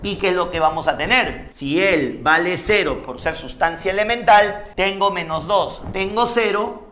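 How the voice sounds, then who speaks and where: A man's voice: a little high, a bit bright, a little hiss or hum. A man, teaching an exam-prep chemistry lesson, who asks and answers his own questions and drills memory tricks by repetition.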